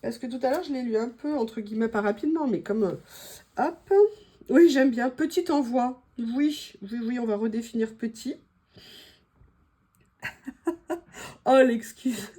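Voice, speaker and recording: Slightly hoarse chatty French woman. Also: on the high side, unhurried, pauses often, mellow. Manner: chatty, gushing, many fillers. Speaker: craft vlogger opening mail. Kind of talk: casual chat to viewers.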